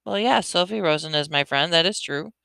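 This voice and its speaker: A woman voicing a quiet, polite mother in a storybook reading. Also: deep voice, fairly quick, gravelly, clean tone, no echo, heavily acted. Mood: pleading.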